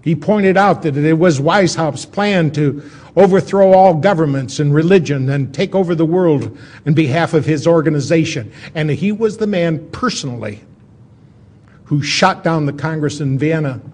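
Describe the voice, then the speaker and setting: Guy doing a folksy history talk, voice a bit on the high side, pauses for drama. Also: expressive, a little mellow. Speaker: lecturer. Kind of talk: informal history lecture, storytelling.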